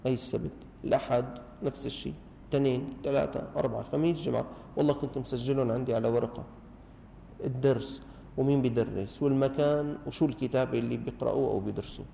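A middle-aged man with a Damascene Arabic accent giving an animated religious lesson to a gathering, full of rhetorical questions and teasing mimicry. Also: medium pitch, gravelly, a little hiss or hum. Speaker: religious teacher. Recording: long hall reverb.

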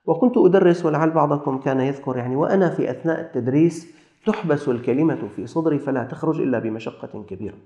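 A man giving a sermon, impassioned, rising to fervent appeals and dropping low and intimate. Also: fast, dark tone, echoey room, lo-fi sound. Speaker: preacher.

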